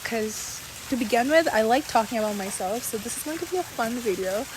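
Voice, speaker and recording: A woman's voice: on the high side, lively intonation, fairly quick, background noise. A woman in her twenties who grew up in Saudi Arabia, chatting in a casual, confiding vlog with many fillers. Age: 20s. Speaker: content creator.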